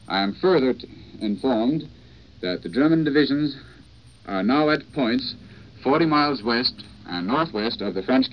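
Breathless man on an old 1940s radio broadcast. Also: mid-range voice. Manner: formal, measured delivery with restarts. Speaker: foreign correspondent. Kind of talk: live radio news report. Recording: dull lo-fi vintage radio with faint hiss.

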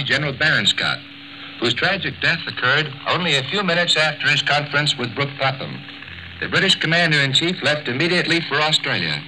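A man's voice: medium pitch, sharp tone. A man gives a formal scripted news report as a 1940s radio correspondent. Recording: noisy 1940s shortwave radio relay.

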